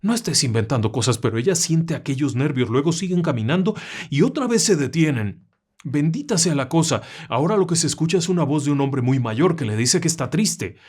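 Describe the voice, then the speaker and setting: A man's voice: on the high side, animated, brisk, a little mellow, breathy edge. A man narrating a horror story in a conversational, dramatic way, with asides to the listener.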